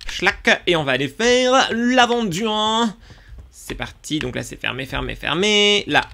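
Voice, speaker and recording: A man giving excitable let's play commentary, talking to his viewers as he plays, with sudden yelps. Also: measured pace, vocal fry, a little hiss or hum. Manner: excitable, talks to viewers while playing; sudden yelps and jumps in pitch. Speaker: gaming YouTuber.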